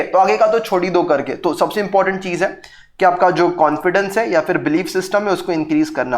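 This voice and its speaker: A man's voice: on the high side, echoey room. A man, a professor giving casual motivational advice to exam students, often switching between Hindi and English.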